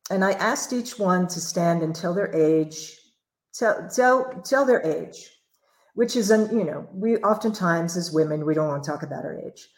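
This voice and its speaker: A woman's voice: lowish voice, a little mellow, reverberant, poor audio. A woman hosting a livestream conversation, telling stories in an earnest, reflective way. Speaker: livestream host.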